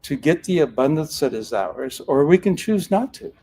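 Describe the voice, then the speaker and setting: With big swings in pitch, this fairly high, dark, slightly rough voice belongs to an older Northern Californian who left the sheriff's office and took up card reading. He recounts his story at a moderate pace, earnest and folksy, frequently starting sentences over.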